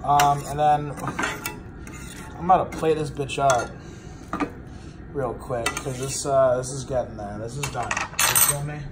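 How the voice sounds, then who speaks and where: A young amateur cook, apparently drunk, chats profanely while cooking indoors at home. His medium-pitched voice holds a steady tone at a measured pace, with frequent pauses. It's recorded on a handheld phone, noisy with the clatter of pans and cutlery.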